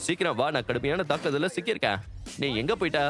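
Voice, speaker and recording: A man's voice: a little high, expressive, quick pace, fairly bright tone, soft background music. A man playing an urgent, exasperated agent partner in a dubbed action film. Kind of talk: dubbed movie dialogue.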